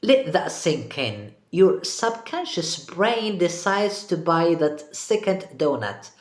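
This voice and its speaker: A woman's voice: on the low side, very animated, slow, roomy sound. A woman hosting a video essay, telling it in a wry, conversational storytelling way as scripted narration.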